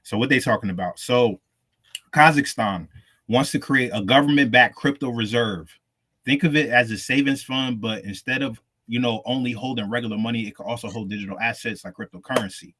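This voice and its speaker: A man co-hosts a casual crypto podcast, reading news stories in a laid-back, slangy style and calling listeners "fam." His mid-range voice is bright and forceful, and he speaks fairly quickly.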